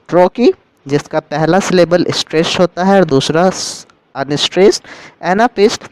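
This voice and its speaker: A man's voice: on the high side, clean tone, no room sound, poor audio. A man teaching a literature lesson, explaining terms step by step and rephrasing them as he goes.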